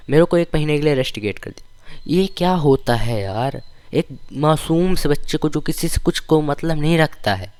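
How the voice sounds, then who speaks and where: A young man casually telling stories from his school days, with a lively, slangy, complaining manner. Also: medium pitch, no echo. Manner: animated, slangy, complaining storytelling. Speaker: vlogger.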